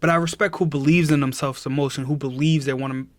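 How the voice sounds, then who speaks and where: A man's voice: a little high, fairly even intonation, fast, no echo. Young man, earnest streamer pep talk. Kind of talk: casual live-stream chat.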